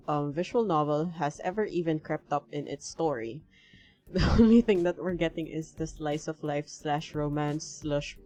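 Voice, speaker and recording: A woman's voice: low voice, darkish tone. A woman streaming a visual novel, reading it aloud and rambling in between with lots of fillers. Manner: rambling, filler-heavy chat. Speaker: let's play streamer.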